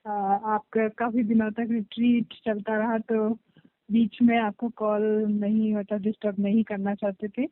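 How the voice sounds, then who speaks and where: A woman calling her meditation teacher, speaking respectfully and hesitantly, with many fillers and pauses. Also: mid-range voice, flat delivery, no room sound. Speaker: caller, meditation student. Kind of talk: phone call with her teacher. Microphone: phone call. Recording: tinny phone line, dry.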